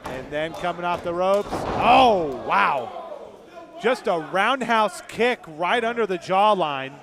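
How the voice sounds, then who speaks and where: A man doing live play-by-play wrestling commentary, calling moves in short bursts and raising his voice to shouts at big action. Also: high voice, animated, takes it slowly. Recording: noisy live event, loud crowd around him. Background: crowd noise of a live wrestling event.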